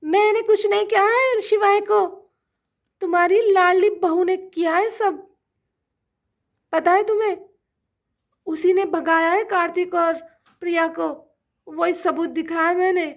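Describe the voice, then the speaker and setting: A woman's voice: very high-pitched, steady tone, unhurried, pauses often. A woman playing a scornful scheming aunt. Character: scheming middle-aged aunt, sharp-tongued and scornful. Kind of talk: doll-play drama voice-over.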